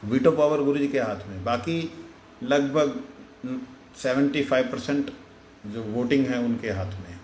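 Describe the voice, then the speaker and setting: A man's voice: medium pitch, measured pace, a little mellow, reverberant, slight background noise, rough recording. A man, a monk, telling devotional stories frankly and directly. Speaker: monk giving a devotional talk. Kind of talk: devotional storytelling talk.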